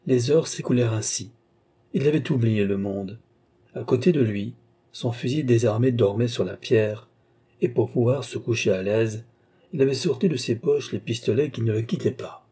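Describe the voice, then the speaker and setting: A man narrating a classic novel as an audiobook in a measured, solemn reading. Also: mid-range voice, warm tone, breathy edge. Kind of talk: scripted literary narration.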